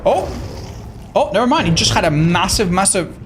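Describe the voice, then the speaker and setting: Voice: mid-range voice, animated, moderate pace, noisy background. A game streamer giving casual live commentary in an informal, sweary way, talking straight to viewers. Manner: informal, sweary, addresses viewers as man and dude.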